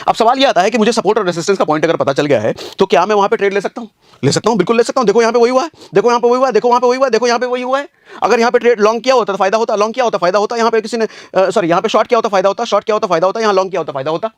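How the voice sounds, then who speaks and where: A man's voice: high voice, rapid-fire, dry recording, studio quality. A man giving a casual screen-share trading lesson, explaining each step and repeating his points with rhetorical questions. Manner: casual, calls viewers brother. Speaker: trading teacher.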